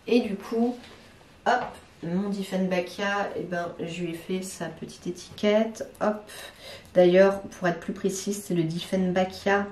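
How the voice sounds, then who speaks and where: A chatty woman from France talks casually to camera, pausing often and restarting her sentences. Her voice sits at an ordinary middle pitch and carries the echo of her living room. The camera picks her up from a few steps away. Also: steady tone, a little mellow. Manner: chatty, hesitant, many fillers and restarts. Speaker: plant vlogger. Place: living room at home among plants. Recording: roomy, from a distance.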